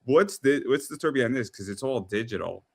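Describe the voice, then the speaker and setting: Host, male, 30s, casual interview; excitable, stammers and repeats words; medium pitch. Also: fast talker, creaky, breathy edge.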